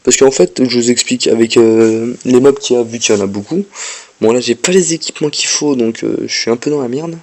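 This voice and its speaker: A man at a middle pitch gives casual gameplay commentary, walking viewers through each step as he plays. He is a little ill and talks to the game now and then. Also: darkish tone. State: slightly ill, coughing.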